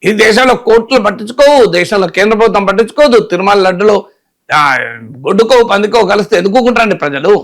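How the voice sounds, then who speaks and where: A man's voice: sits high, quick pace, a bit bright. A man giving political commentary, emphatic and full of rhetorical questions. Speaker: political analyst.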